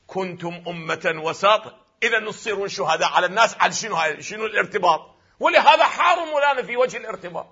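A man lecturing as a religious scholar in an Iraqi Arabic accent, posing questions to his listeners and answering them himself, at times emphatic and loud. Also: high voice, slightly rough, highs cut off. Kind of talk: lecture on Quranic readings.

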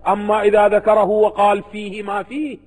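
A man's voice: high-pitched, little pitch movement, fairly quick, long reverb tail, low-quality recording. A man with an Iraqi Arabic accent, a religious scholar giving a seminary lecture to students, who keeps posing rhetorical questions and answering them himself.

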